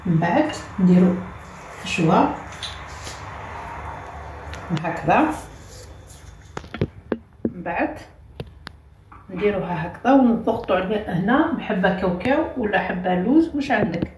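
A woman with an Algerian Arabic accent teaches a home cooking tutorial. She narrates each step as she works and repeats short cues. Her mid-pitched voice rings in an echoey kitchen over faint background noise. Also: animated, measured pace, pauses often. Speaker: cooking channel host.

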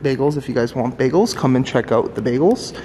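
A man's voice: mid-range voice, brisk, warm tone. A man in his thirties hosting an informal on-location vlog, chatting to the camera and prone to laughing. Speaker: vlog host. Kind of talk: casual on-location vlog chat. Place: large empty hotel lobby, indoors. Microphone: handheld camera at arm's length. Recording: echoey, reverberant lobby with clear background noise.

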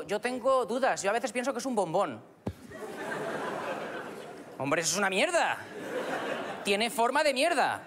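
A man's voice: very high voice, pushed and bright. A man from Albacete with a Spanish accent doing stand-up comedy on a club stage, chatty and often asking the audience questions. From Spain. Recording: live club recording with crowd noise.

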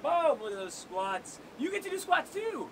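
Filmed from a distance on a tripod-mounted camera, a young man coaches a casual workout in a seaside cave, cracking jokes and counting down for his viewers. His pitch swings widely at a normal speed, and wave rumble fills the noisy outdoor audio.

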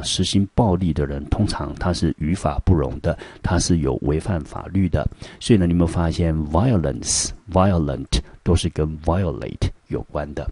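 Low husky Taiwanese male teacher. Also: warm tone, no room sound. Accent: Taiwanese Mandarin. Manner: frequent fillers "好" and "呢", rising pitch on prompts, slow syllable-by-syllable spelling. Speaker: high school English teacher. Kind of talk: recorded classroom lesson explaining vocabulary and grammar.

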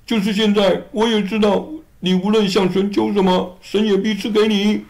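A man's voice: flat delivery, normal speed, vocal fry, darkish tone. A man voicing a grieving, pleading woman in a children's Bible story, raising his voice for her. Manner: pleading, raised pitch.

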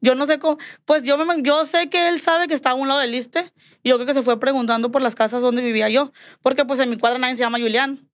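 This Mexican woman, a podcast guest, tells a personal story in a casual, chatty way. Her voice sits high and she talks fast, with no echo. She's animated, acting out quoted dialogue and repeating "me dijo."

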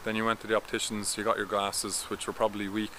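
In a talking-head explainer vlog shot in a garden, a man in his thirties who works as a vision coach speaks to the camera in a steady, instructive way. His voice is a little low yet bright and forward, and his pace is quick. Faint outdoor ambience and distant traffic can be heard behind him.

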